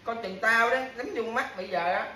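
A woman's voice: a little high, moderate pace, sharp tone. A woman scolding her partner at home, repeating the same complaints and empty threats over and over. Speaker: scolding spouse. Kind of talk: casual domestic bickering. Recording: echoey room with faint background noise.

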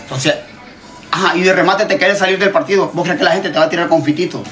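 A man's voice: high voice, steady tone, fast, a bit bright, faint music behind. A Honduran man, a TikTok creator, ranting in casual chat, emphatic and repetitive, swearing freely. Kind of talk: heated casual rant.

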